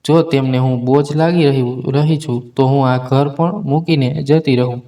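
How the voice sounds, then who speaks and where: A man's voice: medium pitch, steady tone, normal speed, natural voice. A man reading an angry, defiant young wife. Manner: sharp and defiant.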